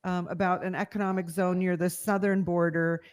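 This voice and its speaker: A woman's voice: fairly low pitch, level tone, normal speed. A woman co-hosting a casual political discussion, talking conversationally with frequent fillers. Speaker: podcast co-host.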